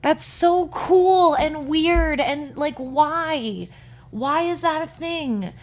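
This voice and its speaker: A woman's voice: sits high, drawn-out words. A woman co-hosting a casual podcast, laid-back and amused, with lots of "like" in her talk. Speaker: podcast co-host. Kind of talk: casual chat.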